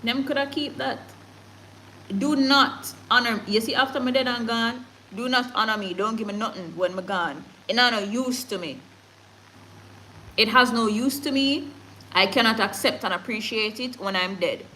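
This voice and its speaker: Chatting on her livestream, an emphatic Jamaican news host reads out comments and headlines, lively and quick to laugh, slipping into patois. Her voice is a little high at a normal pace, captured on a rough recording with slight background noise.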